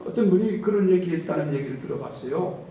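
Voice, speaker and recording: A male pastor preaching a Sunday sermon in an animated way, acting out quoted speech. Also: a little high, quick pace, muffled recording. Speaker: senior pastor. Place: large church sanctuary. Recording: very echoey hall, distant mic, faint hiss.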